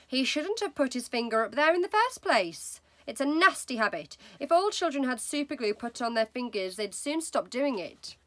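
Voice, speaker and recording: A woman's voice: high voice, very animated, normal speed, hardly any pauses, no room sound, pitched above the performer's own voice. Mrs Wormwood, bossy scolding mother, voiced by a woman. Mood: huffy. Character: scolding sharp-tongued middle-aged mother.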